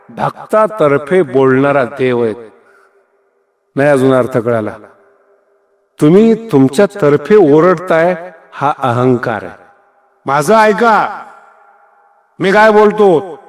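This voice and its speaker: Animated male preacher in a reverberant hall. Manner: animated, acts out dialogue, swings pitch widely, chuckles. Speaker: kirtan preacher. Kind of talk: devotional discourse with storytelling.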